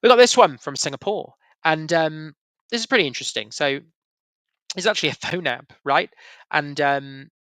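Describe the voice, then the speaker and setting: Bright-voiced man presenting. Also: on the high side, expressive, moderate pace, no room sound. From Yorkshire, England. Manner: chatty, many fillers and restarts. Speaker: webinar presenter. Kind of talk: casual presentation.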